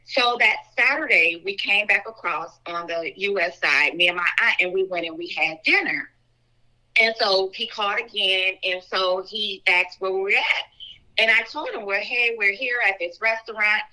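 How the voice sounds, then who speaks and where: A woman guest in an interview telling a personal story in an earnest, fast way, full of "like" and "so". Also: medium pitch, pushed and bright, poor audio. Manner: earnest, talks fast with frequent "like" and "so".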